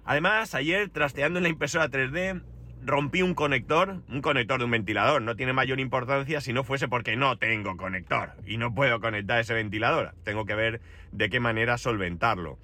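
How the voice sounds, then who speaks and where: A man's voice: mid-range voice, brisk, bright, forceful tone. A middle-aged man from Spain with a Spanish accent and a head cold, giving a casual, wry, grumbling personal monologue as a podcast host. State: has a head cold with runny nose.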